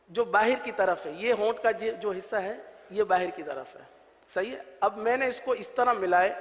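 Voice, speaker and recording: Pakistani Urdu male teacher, patient, drills each letter sound slowly, highish voice, long reverb tail. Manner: patient, repeats sounds drawn out for students. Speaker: Quran reading teacher. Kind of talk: religious letter-pronunciation lesson.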